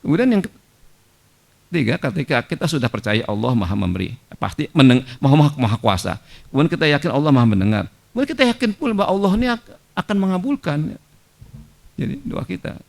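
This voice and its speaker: A man's voice: on the high side, sing-song, quick pace, vocal fry, darkish tone. A man giving a conversational sermon in a mosque, mixing in Arabic quotations. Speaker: preacher.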